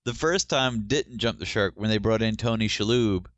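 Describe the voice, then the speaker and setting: A man's voice: lowish voice, normal speed, dry recording, dull audio. A man co-hosting a podcast, chatting casually about TV shows and explaining his opinions at length. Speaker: podcast co-host.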